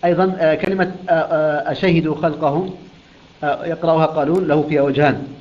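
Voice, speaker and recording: A man teaching a recitation lesson, explaining rules and then chanting the example words slowly and melodically. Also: on the high side, fairly even intonation, muffled recording.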